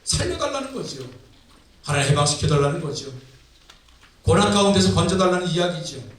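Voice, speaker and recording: A male pastor preaching in a church sanctuary, with a voice that sits high for a man. He retells scripture like a story, heard from a distance through heavy echo. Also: animated, fairly quick. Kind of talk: sermon. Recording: echoey hall from far off.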